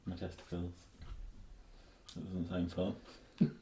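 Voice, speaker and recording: A man's voice: deep voice, monotone, takes it slowly, warm tone, reverberant. A man co-hosting a podcast in casual chat, joking and boastful. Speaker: podcast co-host.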